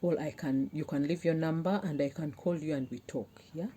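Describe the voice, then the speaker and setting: Speaking brisk and steady in a low, mellow, husky voice, a young woman talks personally to her camera. She gives her viewers relationship advice with earnest, heartfelt pleading.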